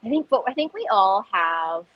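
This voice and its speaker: A woman chatting casually as a guest, animated and self-deprecating, repeating words for emphasis. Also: mid-range voice, moderate pace, no room sound, lo-fi sound. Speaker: guest, recreational jump roper. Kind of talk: casual chat about learning skills.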